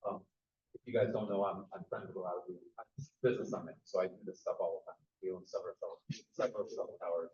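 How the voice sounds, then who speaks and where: Hoarse, fast-talking man in a hall. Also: deep voice, steady tone, darkish tone. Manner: rambling, with repeated words. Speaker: resident speaking at a public hearing. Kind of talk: public comment. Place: echoey town meeting hall. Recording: distant, echoey, dull hall recording.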